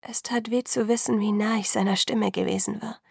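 A woman's voice: medium pitch, fairly even intonation, fairly quick, creaky, breathy edge, no echo. Woman narrating an audiobook, dry close sound. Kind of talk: scripted first-person narration.

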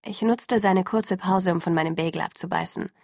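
Woman, audiobook narrator, calm first-person reading, fairly low pitch, dry studio sound. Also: moderate pace, no echo.

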